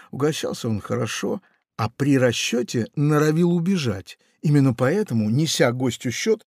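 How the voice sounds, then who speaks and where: A male narrator tells a children's tale with playful, expressive phrasing. His voice is slightly husky and swings widely in pitch. It is recorded dry and close. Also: no echo.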